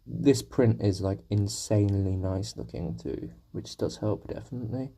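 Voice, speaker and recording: This young man's voice is on the low side, warm, gravelly and husky from a sore throat. At a moderate pace he rambles casually to his stream viewers as he paints, making self-deprecating remarks.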